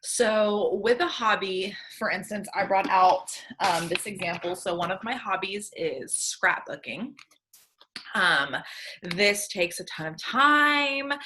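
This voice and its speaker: A woman's voice: fairly low pitch, noisy background. A woman in her thirties, a sales team leader, giving an earnest tough-love motivational talk from her computer at home, with frequent "um" and "right?". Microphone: computer webcam.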